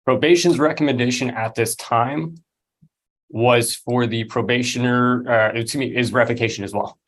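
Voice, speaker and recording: Halting man testifying as probation officer. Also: mid-range voice, fairly even intonation, a bit bright. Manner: halting, formal and deferential. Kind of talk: courtroom testimony. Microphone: online video call.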